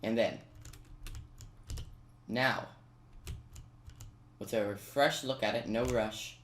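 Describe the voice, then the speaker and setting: Drawing out words in a medium-pitched voice, a person narrates a casual, step-by-step video game walkthrough, chatting directly to viewers with asides. The audio is roomy and noisy, with keyboard clicks audible.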